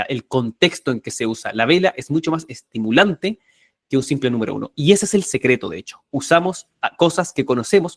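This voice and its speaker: A man's voice: medium pitch, no room sound, clean studio sound. Emphatic male memory workshop instructor. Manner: energetic, emphatic, repeats key words. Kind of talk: live online workshop.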